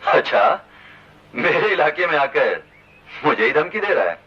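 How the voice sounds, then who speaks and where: An actor playing a menacing, boastful gang boss in an arrogant, threatening way in a melodramatic Bollywood film. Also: male voice, a little high, very animated, measured pace, sharp tone, full character voice. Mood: indignant, boastful. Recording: dull lo-fi old film soundtrack.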